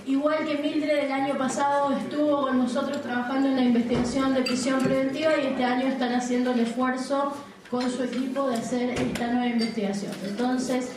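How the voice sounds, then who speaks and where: A woman moderating a seminar panel and introducing the speakers, often pausing with "este". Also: high voice, recorded from a distance. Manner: filler-laden introductions, often saying "este". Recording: echoey hall recording from afar, audible noise.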